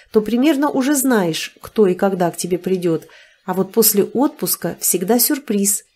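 A woman narrating a first-person audiobook in an even storytelling manner. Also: mid-range voice, breathy edge.

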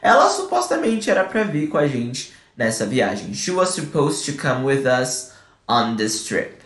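A Brazilian man hosting a live online English class, explaining in Portuguese and slowly modeling English phrases while answering the chat. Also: medium pitch, huge pitch swings, a bit bright, echoey room. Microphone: desk microphone.

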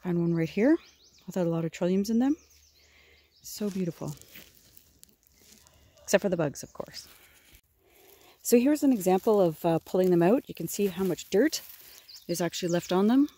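A middle-aged forager, holding her phone camera at arm's length, gives an easygoing outdoor how-to tour of her land in a spring woodland by a river. Birds sing behind her lowish voice, and her explanations are gentle, admiring and unhurried.

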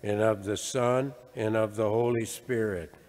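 Slow solemn man in cathedral echo. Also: lowish voice, fairly even intonation, a little mellow. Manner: measured, deliberate phrasing. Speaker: priest reading the gospel at mass. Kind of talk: solemn liturgical reading. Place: large church. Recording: cathedral echo with long reverb.

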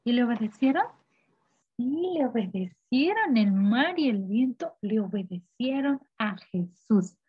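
A woman's voice: a little high, lively intonation, unhurried, husky, no echo, dull audio. A woman teaching a children's Bible lesson, telling the story with animation and asking the children questions. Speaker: Sunday school teacher.

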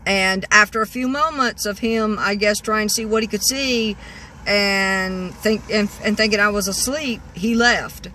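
In a mid-range voice that's pushed and bright, delivered at a measured pace, the sixty-something vlogger rambles through a casual story inside her parked car. Expect many restarts and "you know"s; the phone is held at arm's length, and there's slight background noise.

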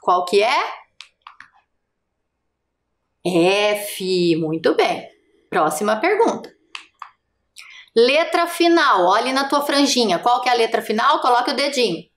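A woman teacher with a Brazilian Portuguese accent leads a first-grade class on television, prompting young children slowly and patiently. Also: a little high, sing-song, fairly bright tone, echoey room. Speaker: primary school teacher.

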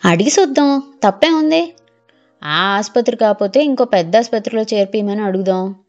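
A man's voice: high voice, animated, normal speed. A woman doing a breezy, dismissive village fixer. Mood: reassuring. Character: brash village political fixer, middle-aged man. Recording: muffled lo-fi, faint music.

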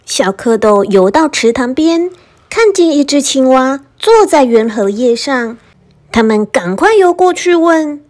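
A woman storyteller reading a bedtime story in a gentle, sing-song way. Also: sits high, very animated, measured pace.

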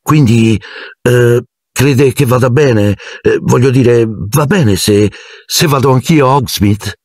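A man's voice: mid-range voice, slow, darkish tone, no room sound, clean studio sound, voice pushed up. A man voicing a nervous teenage boy in an audiobook, hesitant and stammering. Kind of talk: audiobook character voice.

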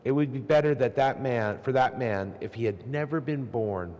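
A man's voice: medium pitch, normal speed, a little mellow. A man solemnly reading the Gospel as a clergyman at Mass, his voice carrying a cathedral echo in a large church. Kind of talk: solemn liturgical scripture reading. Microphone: lectern microphone.

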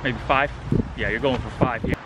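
The background is noisy as this Salvadoran gardening host, a man in his thirties, films a casual vlog in a residential yard on a handheld camera at arm's length. He tastes fruit and enthuses about it, speaking at a moderate pace with medium pitch and fairly even intonation.

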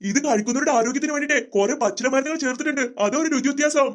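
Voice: high voice, racing, natural voice. A performer voicing a crooked sweet seller who stammers and puts on fake politeness in a comic skit. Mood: nervous.

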